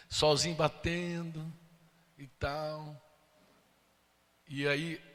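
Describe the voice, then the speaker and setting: A man's voice: mid-range voice, a bit bright. A Brazilian man preaching a sermon, telling an emotional personal story and acting out the voices of the people in it. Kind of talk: sermon testimony. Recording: long hall reverb.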